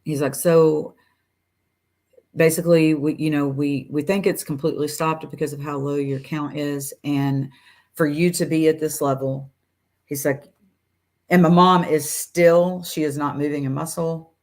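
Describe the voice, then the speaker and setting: A woman's voice: low voice, steady tone, measured pace, darkish tone. A woman in her forties, a guest on a video call interview, telling her story casually and acting out what her doctors said, with laughs between phrases. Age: 40s. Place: room at home.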